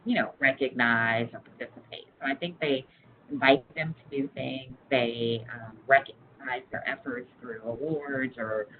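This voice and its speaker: A woman's voice: rumbling low, unhurried. A woman being interviewed over the phone, talking casually and informally about her work, with lots of "like". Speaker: interviewee, community engagement program staffer. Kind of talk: casual research interview, conversational. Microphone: phone line. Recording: muffled lo-fi phone call, clear noise.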